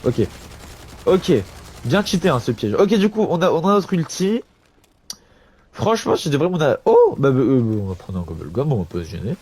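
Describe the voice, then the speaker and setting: A man's voice: on the high side, very animated, normal speed, a little mellow, breathy edge. A young man giving casual, slangy commentary while playing a zombie game, talking straight to his viewers and breaking into sudden yelps. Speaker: gamer streamer.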